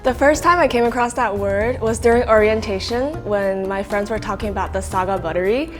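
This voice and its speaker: A woman's voice: mid-range voice, fairly quick. A young adult woman from Taiwan, a student telling things casually in an interview. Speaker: university student. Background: music.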